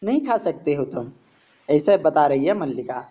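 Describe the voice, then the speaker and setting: A man's voice: a little high, very animated, dark tone, husky. A man teaching a Sanskrit play, reading each line and then explaining it in Hindi. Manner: reads Sanskrit lines then explains them slowly in Hindi. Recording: dull lo-fi recording.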